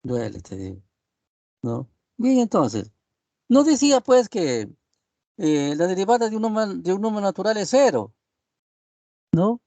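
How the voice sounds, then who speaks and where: A man's voice: high voice, big pitch swings, measured pace, pauses often, a little mellow, dry recording. A male professor giving an online class on a video call, rambling and leaning on tag questions as he addresses his students. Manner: addresses students as "estimados alumnos". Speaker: university professor.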